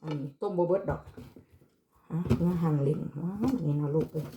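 A woman's voice: deep voice, fairly even intonation, fairly quick, heavy background noise. A mother with an Isan accent chatting casually while she cooks, mixing Isan and Thai with her child. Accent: Isan (Northeastern Thai). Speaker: vlogger mother. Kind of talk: casual chat while cooking. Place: home kitchen.

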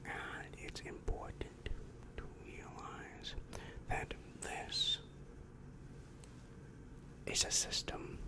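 A young man plays a soothing demon counselor of hell in an ASMR roleplay, whispering breathily right up against a close microphone with a foam windscreen. He explains things patiently at a very slow pace, calm and reassuring.

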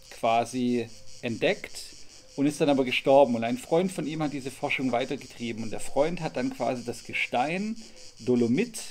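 A man's voice: medium pitch, a little mellow. Chatty German man recounting a trip outdoors. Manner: chatty storytelling, restarts his sentences. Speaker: travel vlogger. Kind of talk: casual travel recap. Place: outdoor garden table in summer.

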